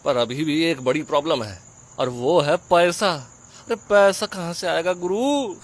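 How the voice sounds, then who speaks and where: A man playing an excitable crude young guy. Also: a little high, measured pace. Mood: excited. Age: young adult. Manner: crude and excitable, swears freely.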